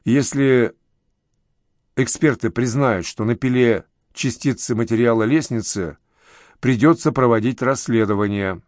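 A man's voice: medium pitch, measured pace, no room sound, studio quality, natural voice. A man doing an earnest young nephew.

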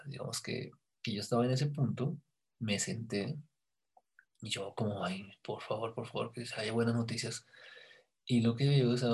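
A man telling a personal story in a casual conversation, animated and dropping to a hushed voice at tense moments. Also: on the low side, husky. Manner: animated storyteller, drops to hushed voice when quoting himself. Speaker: guest recounting an experience.

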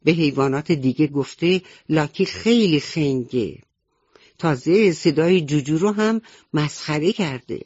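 A woman voicing a gentle young turtle who complains plaintively in a children's radio story. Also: sits low, lively intonation, slightly rough, no echo. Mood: hurt. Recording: dull dry old radio recording.

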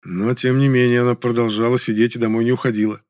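A man calmly narrating an audiobook in the first person, in a measured way. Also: medium pitch, no room sound, clean studio sound.

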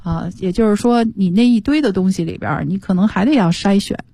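A woman's voice: mid-range voice, brisk, mellow. A woman teaching English on the radio, explaining step by step in a patient way. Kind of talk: bilingual radio language lesson.

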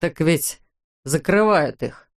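A woman's voice: expressive, heavily acted. Woman doing a smug drawling sleazy man. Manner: slow, drawling, low. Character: smirking sleazy middle-aged man.

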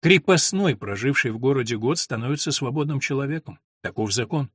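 A man voicing an old, smug castle steward who answers in a calm, unruffled manner. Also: medium pitch, a little fast, breathy edge, no echo, studio quality.

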